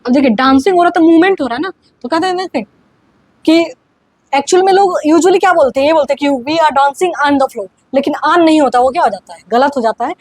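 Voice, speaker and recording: Young woman, high bright voice, chatty grammar teacher who spells out examples slowly; dry close sound. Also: no room sound, low-quality recording. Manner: chatty, keeps checking that students follow; slows down to dictate example sentences word by word. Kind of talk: casual online grammar lesson.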